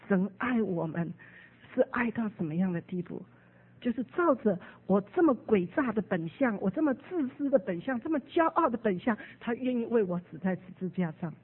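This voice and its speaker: A woman preaching a sermon, telling stories and acting out the people she quotes with sudden jumps in pitch and loudness. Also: slightly rough. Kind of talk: sermon with storytelling. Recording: narrow phone-like radio broadcast.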